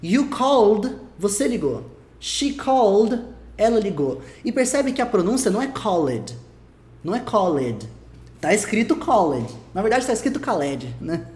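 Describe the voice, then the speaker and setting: A man with a Brazilian Portuguese accent teaching an English lesson, patiently repeating words slowly to model pronunciation. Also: high voice. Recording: roomy echo.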